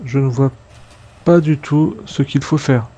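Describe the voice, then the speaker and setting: A man talks through a video game in a loose, chatty way, often turning to his viewers and muttering to himself. His voice is mellow and dark. Faint game sounds and background noise run behind him. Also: medium pitch, unhurried. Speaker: let's play gamer. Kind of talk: casual gameplay commentary.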